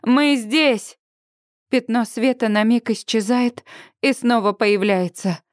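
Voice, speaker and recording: A woman narrating a first-person audiobook in an expressive, dramatic reading style. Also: a little high, measured pace, dry recording, studio quality.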